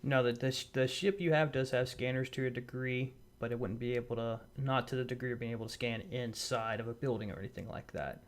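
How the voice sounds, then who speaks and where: A man running a tabletop game as game master, describing scenes in measured detail with small restarts, on a voice call. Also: medium pitch, fairly even intonation.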